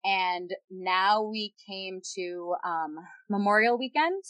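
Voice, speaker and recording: A woman's voice: mid-range voice, slow pace, fairly bright tone, dry recording. Chatty woman telling a story, dry sound. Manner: rambling, filler-heavy, many "like"s and "yada yada". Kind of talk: casual personal storytelling.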